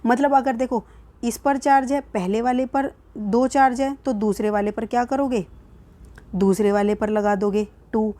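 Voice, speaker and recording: Casting: Indian-accented woman teacher, a touch high-pitched, patient worksheet walkthrough, rhetorical questions. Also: steady tone, normal speed, dark tone. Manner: patient, asks and answers her own questions, calls students "beta". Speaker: science teacher.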